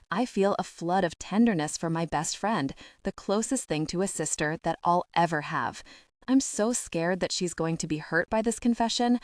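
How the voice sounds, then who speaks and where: Low-voiced woman narrating a romance audiobook. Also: no echo, studio quality.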